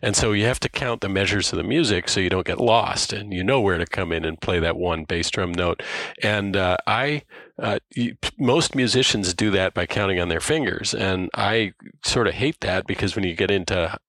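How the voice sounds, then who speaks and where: A man's voice: low-pitched, moderate pace, a bit bright, no room sound. A man podcast panelist talking casually in a rambling, anecdotal way. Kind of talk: casual chat.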